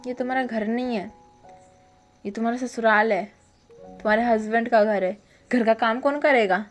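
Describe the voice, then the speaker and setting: A woman's voice: a little high, fairly even intonation, normal speed, soft background music, lightly acted. A woman voicing a smug, shameless young husband who bosses and mocks his partner, in a casual spoken retelling. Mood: teasing. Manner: bossy, mocking drawl. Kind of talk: casual storytelling with voiced lines.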